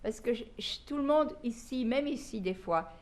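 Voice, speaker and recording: A woman's voice: fairly high pitch, moderate pace. An older woman from Belgium with a Belgian French accent, chatting as an interview guest and telling stories with many restarts. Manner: chatty storyteller, animated, with frequent restarts. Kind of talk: casual conversational interview.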